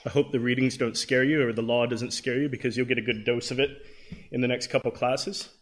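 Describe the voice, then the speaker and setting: Speaking a little fast in a steady, medium-pitched tone, a Canadian man in his thirties gives a Bible class talk. He's earnest and conversational, with frequent ums and restarts.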